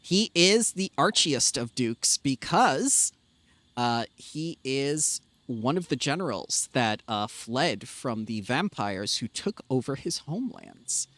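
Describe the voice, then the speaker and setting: A man narrating as game master in a tabletop game, animated and full of hesitant fillers. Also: mid-range voice, slow pace, no room sound.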